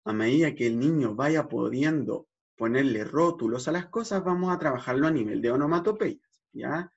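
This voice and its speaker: A speech therapist with a medium-pitched voice and lively intonation explains vowel gestures at a normal speed in an educational lesson. He checks in often and demonstrates sounds with exaggerated articulation, and the recording sounds dull and lo-fi.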